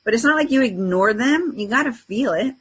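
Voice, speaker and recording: In casual, unscripted talk about spirituality, this woman co-host uses a voice on the high side with lively intonation and a brisk pace. She reflects informally and often speaks her inner self-talk aloud, over a slight hiss or hum.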